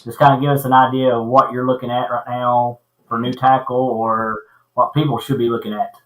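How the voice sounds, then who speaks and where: A man's voice: medium pitch, level tone, fairly quick, fairly bright tone. Man sounding like he's in a pipe. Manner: laid-back, teasing, friendly. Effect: hollow pipe-like sound from a small basement corner room. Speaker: co-host of a fishing livestream. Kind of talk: casual livestream chat, greeting viewers. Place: small corner room in a basement. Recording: echoey small basement room.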